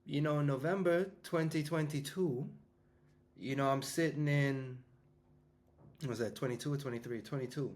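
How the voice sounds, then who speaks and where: A man's voice: medium pitch, normal speed, darkish tone. A fifty-year-old man, a business coach talking casually to his audience in a rambling way, full of restarts and fillers. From New York. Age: 50s. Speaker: business coach and school founder.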